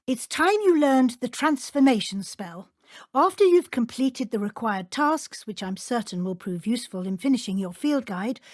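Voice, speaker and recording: An actress playing a brisk, stern but encouraging middle-aged British witch professor in a video game, speaking formally and precisely. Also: on the high side, dry recording, studio quality, natural voice. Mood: approving, formal. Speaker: transfiguration teacher. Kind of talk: scripted video game dialogue.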